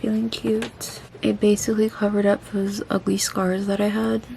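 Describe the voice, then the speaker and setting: A woman's voice: mid-range voice, level tone, moderate pace, vocal fry, warm tone, slight background noise, rough recording. A woman chatting casually and self-deprecatingly through a makeup vlog, her mouth and jaw swollen after having her wisdom teeth out. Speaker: beauty vlogger.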